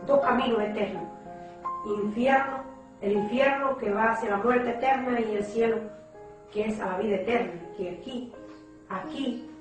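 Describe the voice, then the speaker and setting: A woman giving an emotional religious testimony, repeating herself and calling her listeners brother. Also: on the high side. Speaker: testifying church member. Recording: echoey hall, far from mic, with music.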